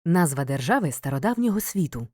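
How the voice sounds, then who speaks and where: Measured woman's lesson voice-over. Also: sits low, very animated, darkish tone, no echo, studio quality. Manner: clear, measured, reads word lists with pauses. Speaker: teacher narrating a grammar lesson. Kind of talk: scripted educational narration.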